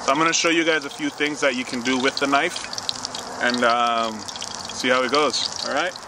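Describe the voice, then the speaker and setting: Relaxed man talking outdoors on a distant camera. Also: mid-range voice, moderate pace. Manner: relaxed, chatty, addresses viewers directly. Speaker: outdoor cooking vlogger. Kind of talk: casual demo talk. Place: outdoors in winter woods. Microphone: chest-mounted action camera. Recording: distant outdoor camera mic with wind noise.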